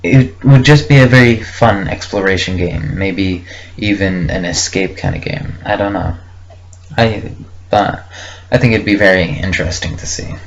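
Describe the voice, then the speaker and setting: A young man with a deep voice and vocal fry records a casual, unscripted audio log at normal speed. He rambles, thinking aloud hesitantly and reflectively in short fragments. The audio is muffled and lo-fi, with faint background noise.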